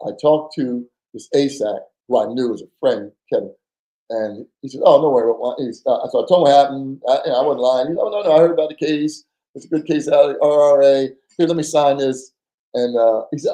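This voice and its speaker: A middle-aged man, a guest on a podcast, tells war stories in a casual, animated way, acting out the dialogue and swearing freely. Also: medium pitch. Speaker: podcast guest, former undercover agent. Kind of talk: casual storytelling interview. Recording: echoey room.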